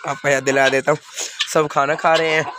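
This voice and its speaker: Chickens and birds cluck amid a noisy background as a young Pakistani man, speaking with an Urdu accent, feeds his birds on an outdoor rooftop and rambles casually to vlog viewers about being feverish and unwell. His voice is on the high side, flat, and fairly quick.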